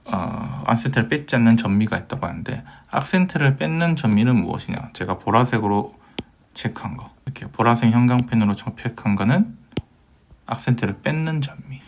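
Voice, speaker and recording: A man's voice: mid-range voice, expressive, brisk, creaky, slight background noise. A man giving a recorded Hebrew grammar lecture, patiently asking questions and answering them himself, with many fillers.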